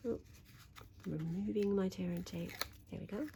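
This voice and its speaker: An Australian woman with a slightly croaky voice, talking through a papercraft tutorial while she folds and trims, chatty and thinking aloud. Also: mid-range voice, steady tone, normal speed, noisy background. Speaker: papercraft demonstrator. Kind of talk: craft tutorial narration.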